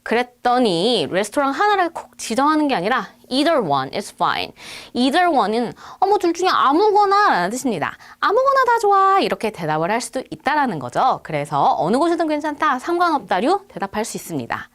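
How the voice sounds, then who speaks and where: A woman's voice: high-pitched, wildly swooping pitch, normal speed, fairly bright tone. A woman teaching a recorded test-prep lecture, explaining step by step and acting out sample answers. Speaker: English test instructor.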